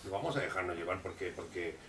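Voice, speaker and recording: A man's voice: low voice, animated, quick pace, a crowd in the background. An older man talking at a neighborhood meeting, emphatic and repetitive, often restarting his sentences. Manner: emphatic, repeats himself, restarts. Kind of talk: impassioned public talk. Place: neighborhood association hall. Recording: roomy echo, distant mic, faint noise.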